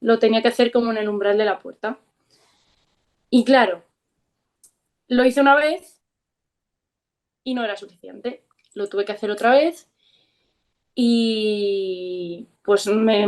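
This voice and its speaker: Woman w/ a spain spanish accent opening up in an interview, frank and reflective, little pauses and ums here and there. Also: medium pitch. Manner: frank, reflective, with soft hesitations. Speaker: interview guest. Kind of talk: candid personal storytelling.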